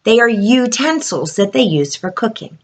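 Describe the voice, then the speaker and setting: A woman's voice: medium pitch, lively intonation, normal speed. A woman teaching an alphabet lesson to young children in a broad singsong presenter's delivery, asking prompting questions and stretching out key words.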